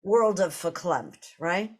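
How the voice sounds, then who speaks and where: A woman's voice: on the low side, takes it slowly, a little mellow, husky. A woman in her sixties with a Boston accent, co-hosting a live podcast, telling stories with playful asides. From Boston area, US. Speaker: podcast co-host.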